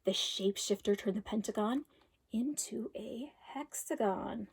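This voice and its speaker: A woman reading a children's storybook aloud expressively, with deliberate, emphatic phrasing, like a teacher for pupils. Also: mid-range voice, vocal fry, darkish tone, husky.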